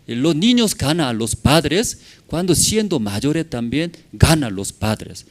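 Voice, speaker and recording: A male pastor delivering a Sunday sermon in a church, with a somewhat high voice that leaps up and down in pitch. He talks in short, simple phrases and keeps asking the congregation "right? no?". He jumps from loud, emphatic bursts to quiet asides. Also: sing-song, slow. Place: church service.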